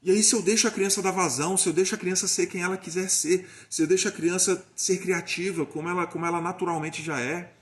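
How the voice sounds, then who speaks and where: Earnest fatherly man, slightly high voice. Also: fairly even intonation, fast talker, few pauses. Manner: earnest, addresses viewers as "gente", repeats phrases for emphasis. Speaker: father giving parenting advice. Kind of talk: casual motivational talk to viewers. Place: at his mother-in-law's house.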